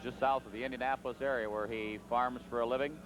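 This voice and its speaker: A man calling a tractor pull as live play-by-play, in an excitable, folksy way. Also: medium pitch, quick pace. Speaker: tractor pull announcer and commentator. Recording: noisy outdoor track, engines behind. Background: outdoor ambience and vehicle noise.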